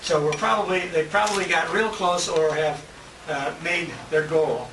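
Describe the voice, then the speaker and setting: His pitch is on the high side, with fairly even intonation and normal pacing, and he's far from the mic. An American emcee and radio show host, he informally tells anecdotes with quoted conversations at a tribute dinner. The recording, made on a handheld compact camera in a restaurant banquet room, is echoey and noisy.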